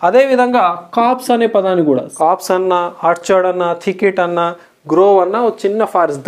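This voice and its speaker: A woman with a Telugu accent, a teacher who explains English words slowly, spells them out letter by letter and keeps checking that the class follows. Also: mid-range voice, darkish tone. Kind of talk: recorded vocabulary lesson.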